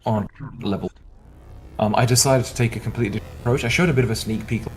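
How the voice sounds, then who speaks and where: A man's voice: mid-range voice, quick pace. A man on a remote voice call that buzzes and cuts out, explaining his game code in a rambling, self-interrupting way. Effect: buzzy, glitchy call audio that cuts out. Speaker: indie game developer guest. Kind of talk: casual live-stream chat.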